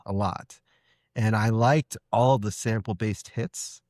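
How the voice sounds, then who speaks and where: A man's voice: fairly low pitch, slow pace, no echo, clean studio sound. A man hosting a podcast, chatting enthusiastically with his guest and acting out quotes. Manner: enthusiastic, animated, acts out quotes. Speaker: podcast host. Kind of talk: casual interview.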